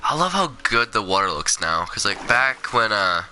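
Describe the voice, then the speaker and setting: A man's voice: on the low side, very animated, moderate pace, bright, forceful tone, a little hiss or hum. A sick man streaming a game, rambling casually, swearing and talking back to the game. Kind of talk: casual gameplay commentary.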